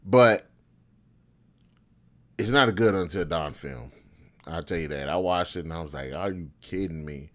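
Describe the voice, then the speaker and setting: On his show about video game movies, a man thinks out loud in slangy, casual language, offering opinionated remarks. His deep, fairly bright voice moves at a moderate pace, broken by long pauses.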